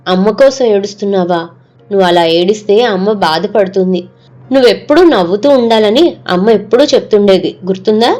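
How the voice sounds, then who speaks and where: Brief: a woman playing a brisk, evasive middle-aged dad, mid pitch, lively. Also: lightly acted.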